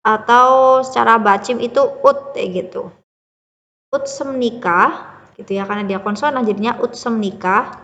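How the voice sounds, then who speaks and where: A woman teacher walks through a beginner language lesson, explaining each point patiently and stopping often to check the listener is following. Her voice sits fairly high, and a long echo trails behind it, as if she is recording in a hard, reverberant room. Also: normal speed, pauses often, fairly bright tone, muffled recording. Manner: patient, explains step by step with frequent "ya" and "gitu". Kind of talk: classroom-style lesson explanation.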